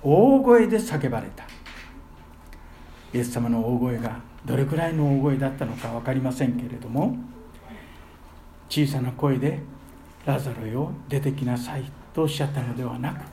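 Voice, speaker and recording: A man preaching a sermon as pastor, earnest, with his voice swelling loudly on key phrases. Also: mid-range voice, lively intonation, moderate pace, pauses often, slight background noise.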